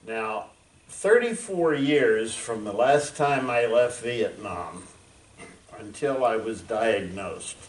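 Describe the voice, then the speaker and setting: A man in his seventies, a veteran, giving a frank, reflective talk to an audience with many pauses and fillers. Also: medium pitch, far from the mic, slight background noise. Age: 70s. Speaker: veteran speaker. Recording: echoey room, voice from afar.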